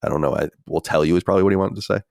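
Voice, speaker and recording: Low, creaky, and darkish in tone, this man's voice races along in a dry, studio-quality recording. He's in his forties and co-hosts a casual podcast chat, reading listener mail out loud and answering with sighs, profanity, and blunt remarks.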